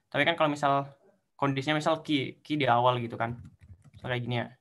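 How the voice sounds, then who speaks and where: Young man, bright tone, coding tutorial on a video call, explains step by step, counts through indexes. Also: mid-range voice, fairly even intonation, quick pace. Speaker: teaching assistant.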